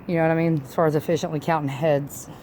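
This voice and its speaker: A woman with a slightly low voice talks casually as an amateur paranormal investigator. She is blunt and informal, swearing freely. The phone recording has some background noise. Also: level tone, fast, darkish tone. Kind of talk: casual ghost-hunting chat. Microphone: phone camera. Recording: noisy on-location phone video recording.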